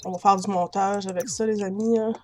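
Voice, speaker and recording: A woman's voice: mid-range voice, fairly even intonation, fairly quick, a little hiss or hum. Chatty Quebec French woman gaming. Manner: chatty, addresses viewers as friends, laughs easily. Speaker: gamer. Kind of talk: casual gameplay commentary. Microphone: built-in computer mic.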